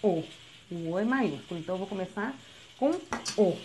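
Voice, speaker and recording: A woman, a literacy teacher giving a recorded lesson and explaining patiently step by step, often checking in with a quick "tá?". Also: lowish voice, animated, warm tone, a little hiss or hum, low-quality recording.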